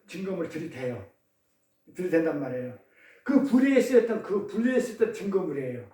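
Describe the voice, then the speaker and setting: Male pastor, high voice, lively call-and-response sermon, distant mic, roomy echo. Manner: questions the congregation, call-and-response; tells pun riddles. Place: church service. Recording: echoey room, distant mic.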